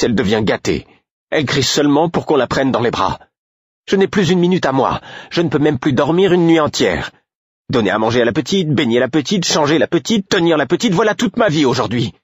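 A man voicing an exhausted, exasperated young mother in an audiobook, raising his voice into shrill outbursts. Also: sing-song, moderate pace, husky, dry recording, studio quality. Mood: furious.

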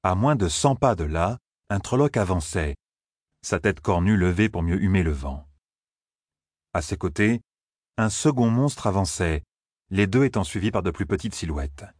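Guy narrating a fantasy book, steady and expressive, pretty low voice, dry sound. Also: moderate pace, long pauses, husky, no echo.

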